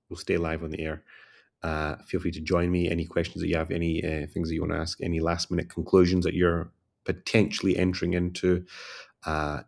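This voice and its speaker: A man hosting a casual livestream as a career coach, tired and yawning, talking in a relaxed, rambling way and repeating requests to like and subscribe. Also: low voice, creaky.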